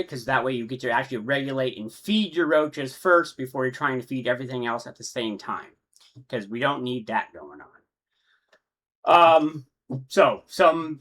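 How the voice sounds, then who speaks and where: A man's voice: medium pitch, a bit bright. A man with a Texan accent explaining insect care in a casual, rambling way, often correcting himself mid-sentence. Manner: rambling, self-correcting, conversational. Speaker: insect breeder. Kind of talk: casual instructional talk. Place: his room with his insects.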